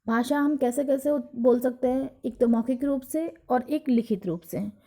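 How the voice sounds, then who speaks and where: A woman teacher giving a recorded lesson, explaining slowly and acting out examples. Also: high voice, mellow. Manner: slow, explanatory, acts out examples. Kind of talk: recorded lecture on teaching Hindi.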